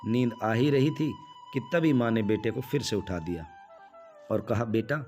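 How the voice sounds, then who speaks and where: A man narrating a moral story from a script, measured and earnest. His voice sits at an ordinary middle pitch, and soft music plays faintly underneath. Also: lively intonation.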